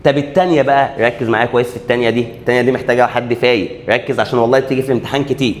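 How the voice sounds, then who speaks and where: A man with an Egyptian Arabic accent teaching an exam-prep English grammar lesson, animated, posing students' questions and answering them himself, drawing out key letters slowly. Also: medium pitch, slight background noise. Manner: animated, asks and answers his own questions.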